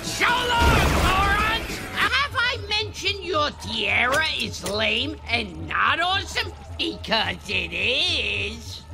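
A woman performs a vain, sneering alien villain commander in a game cutscene, high-pitched and swinging wildly up and down as she taunts. She drawls her insults slowly over loud game music. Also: sing-song, exaggerated voice. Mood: gloating.

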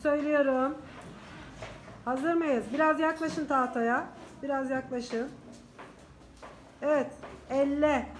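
Female primary teacher, high register, dictating word by word with repeats and brisk instructions to pupils, slight classroom noise. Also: steady tone, low-quality recording. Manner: dictating single words and short phrases slowly, repeating them; instructing and encouraging children. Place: indoor classroom.

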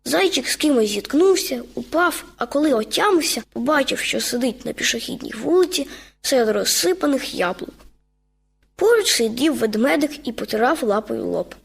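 A woman reading a children's story aloud on the radio in a lively, expressive way, in a studio. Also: high voice, moderate pace, vocal fry, breathy edge.

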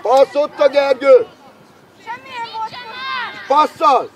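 High-pitched man coaching from the sideline. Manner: shouts short urgent instructions and player names. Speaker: youth football coach. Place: outdoor football pitch. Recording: crowd noise from an outdoor match.

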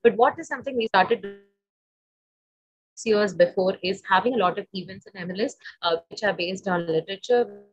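A woman presents a library's building in a webinar over a video conference call. She explains at length and often pauses to search for her words. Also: medium pitch, slightly rough, dry recording. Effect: video conference call audio that drops out at times. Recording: dull dry video-call audio.

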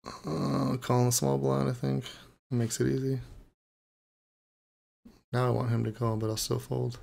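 A man's voice: mid-range voice, level tone, unhurried, gravelly, a little mellow. A man streaming online poker, talking through his hands in a casual, profane mutter. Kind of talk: live poker commentary.

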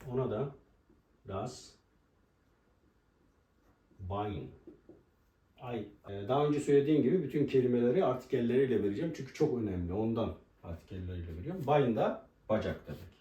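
A man teaching a language lesson at a board, explaining pronunciation and slowly repeating each example word. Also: medium pitch, dark tone. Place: room with a writing board. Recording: roomy echo, voice from a distance.

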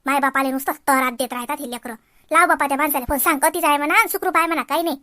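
A woman's voice: sits high, fairly even intonation, racing, pushed and bright, no room sound, studio quality. A woman acting in a comedy sketch, with fretful, fussing chatter.

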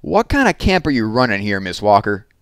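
A man reading aloud, voicing a commanding, easily outraged female official who gives brisk orders. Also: on the low side, lively intonation, smooth, no room sound, studio quality, pitched above the performer's own voice, lightly acted.

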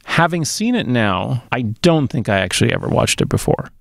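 Here the middle-aged co-host sounds very animated and gravelly at a normal speed, his voice mid-range. He chats emphatically about movies on a close podcast mic mounted on a boom arm in a small, dark, sound-treated booth, and the recording is dry.

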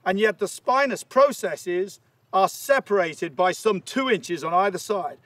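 A man's voice: high-pitched, unhurried, a bit bright, dry recording. An older man presenting a nature documentary outdoors, explaining things to camera. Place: outdoors on grass by the sea.

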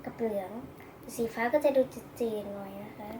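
A woman's voice: medium pitch, moderate pace, dark tone, slight background noise, rough recording. A female speaker presenting a casual product review, politely addressing viewers. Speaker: toy reviewer.

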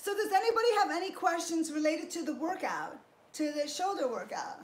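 A middle-aged woman with a very high-pitched, expressive voice talks fairly quickly on a casual fitness livestream from her garage gym. She cheerfully thanks viewers and walks through her training step by step, recorded by a fixed camera a few feet off in the echoey garage.

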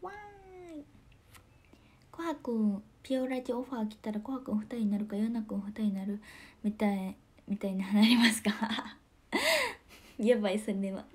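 A young woman with a Kansai accent, hosting a casual livestream. She chats about viewer comments in a giggly, soft-spoken way and often drops to a near whisper. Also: mid-range voice, expressive, moderate pace. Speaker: idol livestream host.

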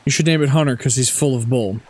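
A man's voice: mid-range voice, quick pace, a little mellow. A man streaming gameplay with casual chat, talking in a playful, sweary way. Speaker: gaming streamer.

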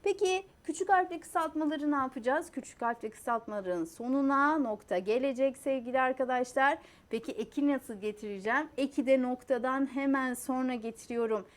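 Young woman teacher w a high voice, keeps asking the class questions n repeating the rules. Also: brisk, hardly any pauses. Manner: repeats key points, asks the class rhetorical questions; spells out letters one by one. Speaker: Turkish language teacher. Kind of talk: explanatory lesson on spelling rules.

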